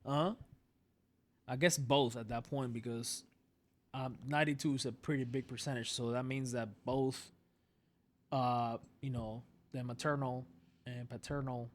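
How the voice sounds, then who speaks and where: A man's voice: medium pitch, fairly even intonation, a little slow, pauses often. A man born in Cuba, co-hosting a podcast in a casual, rambling chat full of laughs and restarts. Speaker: podcast co-host.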